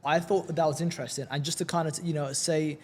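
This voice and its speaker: A fast-talking English guest from London, with a London accent, chats cheerfully in a casual podcast interview, often repeating words as he opens a sentence. His slightly high voice has fairly even intonation and a breathy edge.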